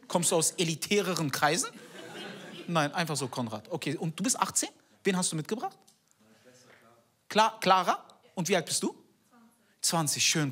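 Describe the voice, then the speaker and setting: A man's voice: high voice, sharp tone, breathy edge. A male stand-up comedian, teasing the audience in brash, slangy crowd work. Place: stage in front of a live audience. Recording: live club audience laughter and noise.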